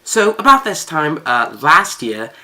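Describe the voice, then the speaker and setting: A vlogger telling an exaggerated, mock-serious story to viewers, with drawn-out emphasis. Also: mid-range voice, big pitch swings, sharp tone. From Melbourne, Australia. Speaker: video host. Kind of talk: vlog storytime, addressed to viewers.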